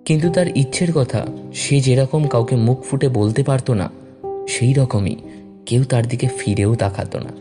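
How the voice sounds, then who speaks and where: Male storyteller over background music. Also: medium pitch. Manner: measured, expressive storytelling. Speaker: story reader. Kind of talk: scripted story narration.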